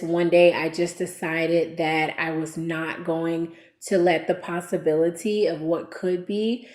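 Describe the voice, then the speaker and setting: A young adult woman speaking as a vlogger, talking to camera in an earnest, measured way. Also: fairly low pitch, darkish tone. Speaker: vlogger sharing family news. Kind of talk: casual chat to camera. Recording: roomy echo.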